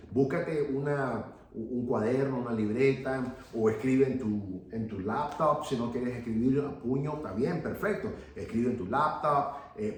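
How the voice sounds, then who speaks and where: Heard from across an echoey room, this man leads a church Bible class with a medium-pitched, slightly mellow voice. His earnest, preacherly delivery keeps circling back to key phrases, and he often checks in with "ok."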